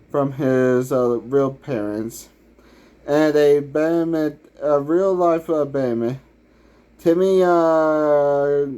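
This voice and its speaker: A man giving unscripted commentary as a YouTuber, halting and filling nearly every pause with "uh" as he restarts his sentences. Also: fairly high pitch, warm tone, smooth. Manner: halting, full of "uh" fillers and restarts. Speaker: YouTuber ranking villain songs.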